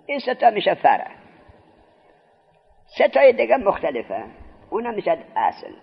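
A man's voice: high-pitched, wildly swooping pitch, gravelly, husky. A man teaching a grammar lesson, putting questions to his listeners and then answering them himself, drawing out key terms. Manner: drawn-out, stressed key terms. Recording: dull lo-fi recording.

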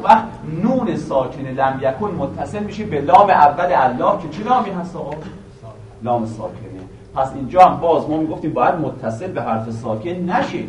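A man's voice: fairly high pitch, far from the mic, a little hiss or hum. Man teaching a class in an echoey room. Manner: quizzes the class with rhetorical questions; recites a verse slowly and repeatedly. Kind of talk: classroom grammar lesson.

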